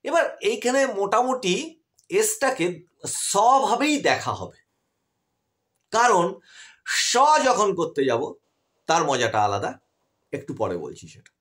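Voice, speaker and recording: A man's voice: high voice, very animated, a little slow, pauses often, a bit bright. A man teaching English grammar in an online class, explaining patiently and asking his students questions as he goes.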